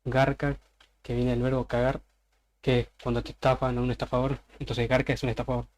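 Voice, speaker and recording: A man's voice: medium pitch, completely flat delivery, fast, darkish tone. A man with an Argentine accent giving an informal presentation, casually explaining slang word by word with examples. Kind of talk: informal presentation on a voice chat server.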